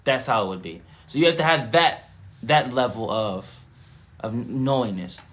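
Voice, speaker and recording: A man's voice: mid-range voice, lively intonation, normal speed, fairly bright tone. A man giving a live-streamed spiritual teaching, repeating himself and rising into emphatic bursts.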